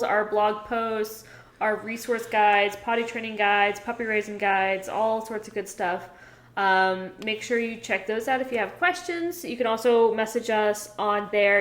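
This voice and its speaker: High-voiced woman in an echoey room. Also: fairly bright tone. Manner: laughing, teasing, quick plugs. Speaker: podcast co-host, dog trainer and business owner. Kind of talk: casual podcast chat.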